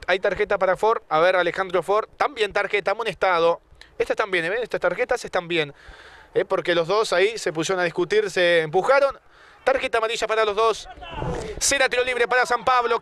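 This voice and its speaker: A man's voice: high-pitched, sharp tone, clear, resonant tone. A man calling a football match live, play by play.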